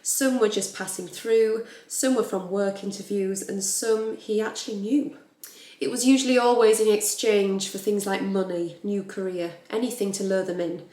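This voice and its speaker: A woman's voice: medium pitch, moderate pace. Blunt, swearing woman vlogger. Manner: blunt, swears freely, animated. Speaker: true crime vlogger. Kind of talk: casual storytelling. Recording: roomy echo.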